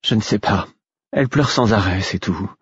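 A man raising his voice to play a worn-out young mother, weary and anxious, speaking at a higher pitch than he normally does. The husky voice is recorded dry and sounds muffled, like an older audiobook. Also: moderate pace, no room sound. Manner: weary, distressed. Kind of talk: audiobook reading.

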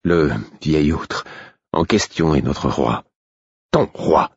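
A man voicing a loyal, blunt wolf companion in an audiobook, giving slow, plain, dry remarks. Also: extremely low pitch, lively intonation, breathy edge, no room sound, dull audio, full character voice.

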